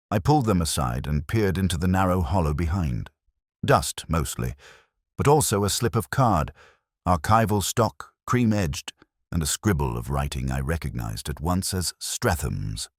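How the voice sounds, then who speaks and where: A man with an extremely low, husky voice narrates a first-person detective mystery in a measured, brooding way, his pitch rising and falling lively through each literary phrase. The sound is dry and close, with no echo.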